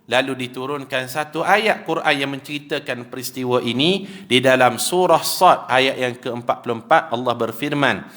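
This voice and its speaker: A man's voice: mid-range voice, moderate pace. A man preaching with a Malaysian Malay accent, telling stories animatedly and acting out the dialogue. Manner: animated storytelling, acts out dialogue, chuckles. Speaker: religious teacher. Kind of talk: sermon. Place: prayer hall.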